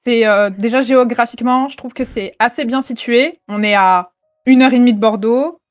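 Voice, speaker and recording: A woman's voice: a little high, moderate pace, no echo. A young woman guest on a voice call, speaking hesitantly with many fillers over a poor microphone. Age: young adult. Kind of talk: casual chat over voice call. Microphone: poor-quality voice-chat mic. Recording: dull, dry voice-chat audio.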